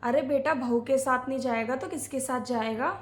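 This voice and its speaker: A brisk, commanding middle-aged mother-in-law who scolds and gives orders, played by a woman. Her voice sits high. The family skit is recorded in an echoey room. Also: steady tone, natural voice.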